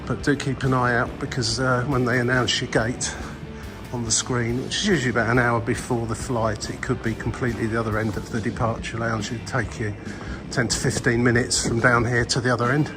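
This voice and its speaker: A man's voice: mid-range voice, flat delivery, a little fast. Chatty man, music behind him. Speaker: travel vlogger. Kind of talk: casual travel vlog commentary.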